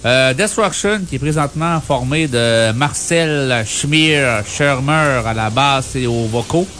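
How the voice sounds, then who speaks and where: A man's voice: mid-range voice, slow pace, a bit bright, a little hiss or hum. A man with a Quebec French accent co-hosting a music show, reviewing albums casually with an informal, wry, joking manner.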